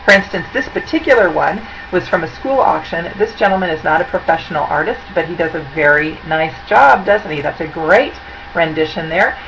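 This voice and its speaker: In a fairly low, creaky, somewhat bright voice, a woman in her forties talks animatedly and a bit fast as she walks through auction tips on slides. She chats warmly to a webcam at her desk in an indoor room. The sound has its highs cut off and a little hiss or hum.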